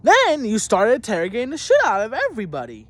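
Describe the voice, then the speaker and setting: A man's voice: high voice, huge pitch swings, quick pace, fairly bright tone, no echo. A young man, a student, ranting angrily to camera about teachers, rambling, swearing heavily and restarting his sentences. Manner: heated and indignant, mocking in tone. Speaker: student telling a school story. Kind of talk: angry profane rant to camera.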